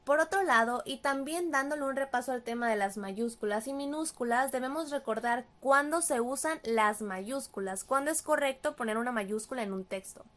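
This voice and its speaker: A woman with a Mexican Spanish accent and a high voice leads a writing workshop. Her delivery is scripted and explanatory, clear and careful, and she slows down to spell out examples. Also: fairly bright tone. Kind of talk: scripted teaching narration.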